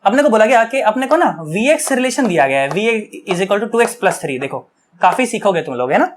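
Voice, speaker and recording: A man's voice: high-pitched, sing-song, a little fast, slight background noise. A male physics teacher giving an online video lecture, chatty and coaxing, often checking that students follow, earnest and affectionate toward them.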